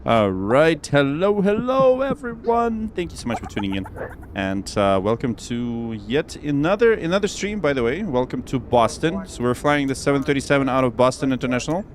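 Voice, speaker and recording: Here a young man chats cheerfully with viewers while working in a flight simulator stream, rambling with fillers and self-talk. His voice is mid-range and a little fast, with a little hiss or hum behind it.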